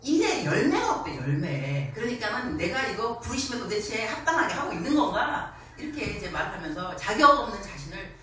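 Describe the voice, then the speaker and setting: Animated woman preaching in echoey church. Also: medium pitch, brisk, hardly any pauses. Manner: animated, acts out quoted voices, laughs often. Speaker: missionary preacher. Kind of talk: sermon. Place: church sanctuary. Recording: echoey church hall, distant mic, faint noise.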